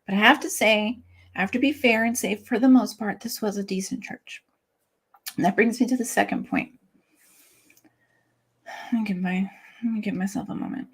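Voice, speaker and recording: A young adult woman talks openly as an interview guest. Her delivery is candid and emotional, loose with casual fillers. Her voice sits at an ordinary middle pitch. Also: fairly even intonation, moderate pace, long pauses, slightly rough. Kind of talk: candid personal interview talk.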